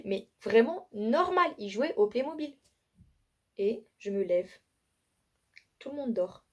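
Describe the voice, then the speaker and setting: A young woman vlogging her personal testimony in a loose, conversational way. She chains anecdotes together with slang and fillers, and her voice runs slightly high. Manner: animated, slangy storytelling with many fillers and restarts. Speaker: vlogger giving a faith testimony. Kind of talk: casual spoken testimony to camera.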